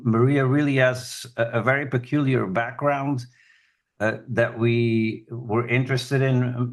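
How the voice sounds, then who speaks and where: A man hosting a conference livestream, introducing a guest in a chatty, self-deprecating way. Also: mid-range voice. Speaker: conference host.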